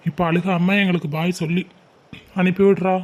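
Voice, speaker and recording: A woman voicing a young male uncle, a college student, who gently coaxes his niece. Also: on the low side, level tone, fairly quick, lightly acted. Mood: coaxing. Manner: soothing, coaxing, repeats "okay?".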